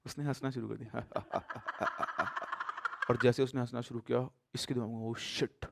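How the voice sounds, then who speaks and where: A man telling a horror story casually and animatedly, mixing in English words and swinging between loud suspense and hushed tones. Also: medium pitch, little pitch movement, fast, vocal fry, heavy background noise.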